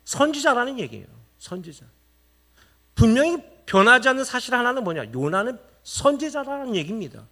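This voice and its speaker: A male pastor preaching a sermon in a church, animated and firing rhetorical questions at the congregation. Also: very high voice, a little fast. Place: church sanctuary.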